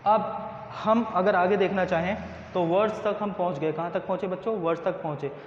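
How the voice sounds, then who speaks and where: A man teaching an English grammar lesson. He asks the students questions, answers them himself, and drills pronunciation slowly. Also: sits high, steady tone. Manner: slow, drawn-out pronunciation drills. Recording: echoey, dull room recording with faint noise.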